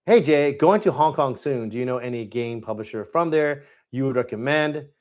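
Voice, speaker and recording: A man's voice: mid-range voice, animated, moderate pace. A man hosting a live-stream Q&A in casual chat, enthusiastic and rambling, often correcting himself mid-sentence. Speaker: host.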